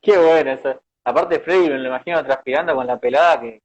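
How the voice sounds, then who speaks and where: A man's voice: medium pitch, fast talker, slight background noise. A man, interviewing in a casual chat with short approving interjections and laughs. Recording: dull lo-fi sound.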